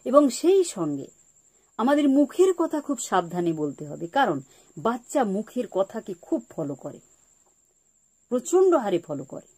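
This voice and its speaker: A woman giving a spiritual talk on parenting, repeating her key points slowly like a teacher. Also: on the high side, big pitch swings, warm tone, husky. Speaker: spiritual speaker.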